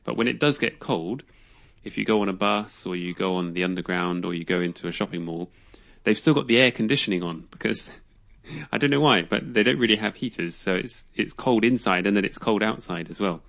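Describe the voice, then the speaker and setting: A man joining a language lesson as a guest, talking in a relaxed, chatty way and repeating new words. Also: lowish voice, fairly quick, creaky, dull audio. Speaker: guest learner. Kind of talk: casual chat.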